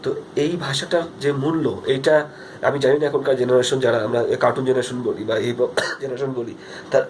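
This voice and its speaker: A young Bangladeshi vlogger talks earnestly in Bengali, with a Bangladeshi accent, into his phone's front camera for a casual video diary. His mid-range voice keeps a fairly even intonation at a moderate pace, full of fillers and restarts, with slight background noise.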